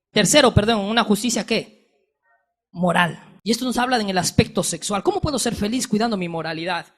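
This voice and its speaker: A man's voice: high-pitched, a bit bright. A male pastor, preaching a sermon and telling stories with acted-out dialogue. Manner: storytelling preacher, acting out dialogue.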